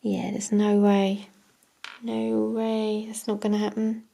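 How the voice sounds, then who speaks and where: This crafting vlogger speaks slowly in a medium-pitched, monotone, mellow voice with vocal fry. She talks casually to herself while crafting, often half-whispering, chuckling, and poking fun at herself.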